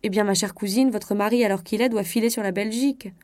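A woman voicing a composed male cousin, a civil servant who speaks calmly and matter-of-factly. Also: medium pitch, quick pace, no echo, lightly acted. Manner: calm, matter-of-fact.

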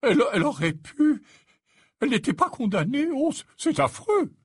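Man putting on a flustered old wizard, high swooping pitch, stammering exclamations, husky, audiobook character. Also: wildly swooping pitch, slow, a little mellow, dry recording, studio quality, full character voice. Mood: shocked. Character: fussy emotional old male wizard teacher.

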